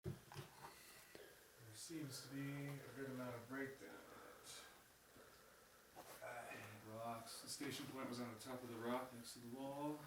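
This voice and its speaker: A man's voice: mid-range voice, fairly even intonation, slow, pauses often. A man talking casually and muttering measurements as he surveys inside a cave, with an informal manner. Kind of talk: casual chat while surveying. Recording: clear background noise and clicks.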